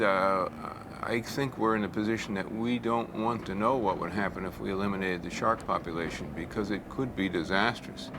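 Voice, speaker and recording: A man explaining as an expert in a documentary interview, hesitant and measured. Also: low voice, gravelly. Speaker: shark fossil expert. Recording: faint background ambient noise.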